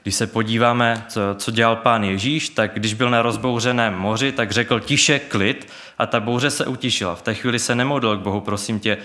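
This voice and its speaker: A man's voice: mid-range voice, steady tone, hardly any pauses, sharp tone. A man preaching a sermon in an earnest, searching way, with many restarts and fillers, and reading Bible verses aloud.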